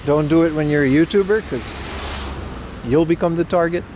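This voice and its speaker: A man's voice: on the high side, brisk, a little mellow, slight background noise. A man talking into a livestream headset mic, rambling casually outdoors as a live-stream host. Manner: rambling, laid-back, swears casually. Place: outdoors in a city, near a parking garage.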